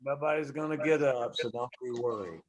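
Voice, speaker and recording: An actor playing a gruff, domineering gambler who barks curt orders in a stage play. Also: male voice, mid-range voice, fairly quick, natural voice. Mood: dismissive. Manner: curt, barking orders at the card table. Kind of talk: stage play acting over a remote reading. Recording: noisy home recording.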